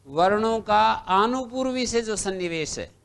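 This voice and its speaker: A man teaching Sanskrit grammar in a classroom lecture. He recites lines from old texts and then explains them slowly, one step at a time. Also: sits high, lively intonation, a bit bright. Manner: slow, recites text then explains, lists letters one by one.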